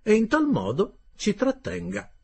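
A male reader playing a courteous young valet, measured, husky, lively. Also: high-pitched, voice pushed up, full character voice. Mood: polite. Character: polite, precise young male manservant.

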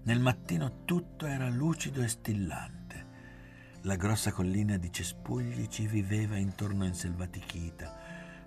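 A man reading a novel aloud in a measured, quiet, literary way. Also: low voice. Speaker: narrator.

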